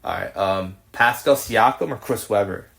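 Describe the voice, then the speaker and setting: A man hosting a podcast, firing off quick this-or-that questions with brief, low-key acknowledgements. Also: creaky, a bit bright. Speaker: podcast host. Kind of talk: casual rapid-fire this-or-that interview.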